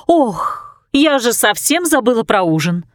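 A fussy, loving old fairy nanny from a storybook, gently scolding and soothing, as a woman reads her lines. Her pitch rises and falls freely, close and dry. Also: big pitch swings, measured pace, no echo. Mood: fussing.

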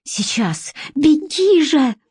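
A woman's voice: on the high side, moderate pace, darkish tone, no room sound, voice pushed up, close to an everyday voice. A woman voicing a frightened young captive woman. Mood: urgent.

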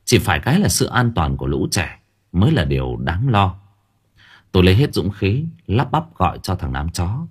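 A man narrating a first-person audiobook story, expressive and dramatic, stammering in tense moments. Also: deep voice, moderate pace, slightly rough.

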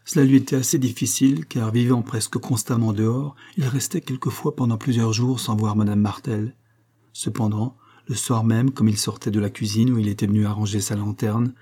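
A man reading a novel aloud as an audiobook narrator, in a measured, even delivery. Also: fairly low pitch, breathy edge. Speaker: audiobook reader. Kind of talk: scripted narration.

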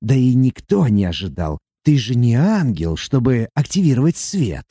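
A man's voice: medium pitch, very animated, normal speed, dark tone, husky, no echo, clean studio sound. A man doing Andro, a gloomy demon dwarf. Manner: gloomy, matter-of-fact. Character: puny big-headed male demon dwarf, gloomy and dry.

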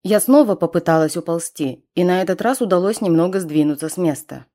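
A woman with a lowish voice narrates a first-person audiobook in a tense, dramatic way. Her delivery is steady and close. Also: brisk.

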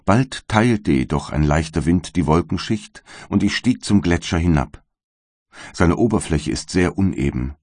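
Deep-voiced man reading dramatically. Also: lively intonation, darkish tone, dry recording, clean studio sound. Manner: measured and theatrical, rising for outbursts. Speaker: audiobook narrator. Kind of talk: dramatic first-person novel reading.

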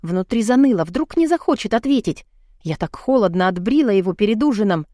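A woman's voice: lively intonation, brisk, warm tone, no room sound, clean studio sound. A woman narrating a first-person audiobook with tense, panicked delivery. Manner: tense, panicked, raising pitch in outbursts.

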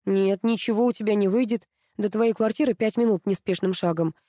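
A woman's voice: mid-range voice, brisk, dark tone, dry recording, clean studio sound, natural voice. A woman reading aloud, voicing a stern middle-aged school director who speaks curtly and sarcastically. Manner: curt, cold, sarcastic.

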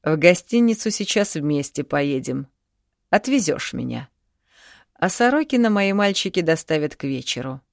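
A woman's voice: sits low, sing-song, normal speed, vocal fry, no echo, studio quality, exaggerated voice. A woman voicing a blunt, scolding older man in an audiobook, coarse and commanding. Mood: gruff. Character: older man, gruff and bossy factory owner.

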